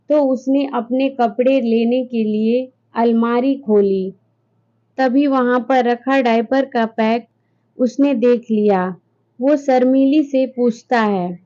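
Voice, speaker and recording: A woman's voice: fairly high pitch, mellow, lo-fi sound. A woman telling a family story as scripted narration, reading each character's lines in her own voice after naming them.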